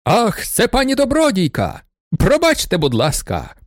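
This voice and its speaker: A man voicing a rowdy young student who shouts down mockingly from a window. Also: high voice, huge pitch swings, a little slow, no echo, clean studio sound, voice pushed up, heavily acted. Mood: mock-polite.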